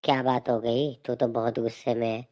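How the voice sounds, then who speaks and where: Telling jokes and acting out comic skits on his comedy channel, this host delivers both narration and dialogue in a jokey storytelling style. His voice is mid-range and warm, his delivery flat, and his speed normal.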